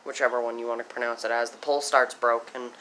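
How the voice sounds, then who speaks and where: A teenage boy talks through his finds in a casual, rambling way, often stopping to correct himself. His voice is bright and sharp. He records on a handheld phone with faint noise behind him. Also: medium pitch, quick pace. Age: teens. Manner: rambling, self-correcting, easily excited. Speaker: small engine vlogger. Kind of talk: casual vlog.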